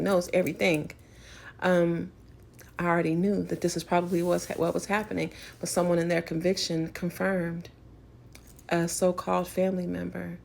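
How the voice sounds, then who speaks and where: A woman's voice: fairly low pitch, vocal fry, a little mellow. A woman vlogger delivering a spiritual rant, emphatic and preachy, rambling with frequent restarts.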